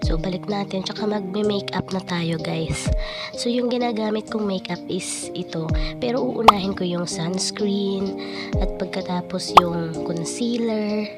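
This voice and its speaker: A woman with a cold and a cough, speaking through a voice changer that pitches her voice down. She chats casually to viewers while narrating a morning routine. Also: unhurried. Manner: chatty, addresses viewers as guys. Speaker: vlogger. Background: loud background music.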